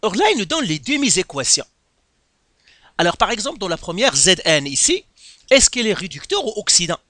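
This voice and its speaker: A man's voice: sits high, sing-song, normal speed, pushed and bright, no room sound. A man teaching a chemistry lesson in Quebec French, working through an exercise step by step and asking himself questions. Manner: explains step by step, with many rhetorical questions. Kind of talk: lesson explaining a worked exercise.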